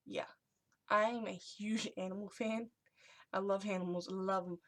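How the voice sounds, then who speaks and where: A young adult woman vlogging in a hushed, whispery voice, chatting casually as she reads and reacts to short messages. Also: mid-range voice, steady tone, moderate pace. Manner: hushed, whispery delivery, as if sharing secrets.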